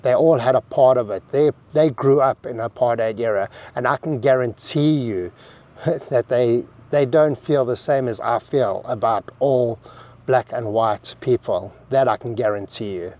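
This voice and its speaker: A man's voice: mid-range voice, a little slow, a little mellow. A South African man in his fifties with a South African English accent, giving a blunt, rambling opinion piece to camera. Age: 50s. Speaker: vlogger.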